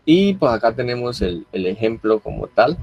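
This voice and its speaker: A man's voice: mid-range voice, very animated, normal speed, creaky, darkish tone, slightly rough, no room sound. Man teaching a class, patient questions. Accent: Colombian Spanish. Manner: patient, asks the class questions, repeats words. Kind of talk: classroom lesson on accent rules.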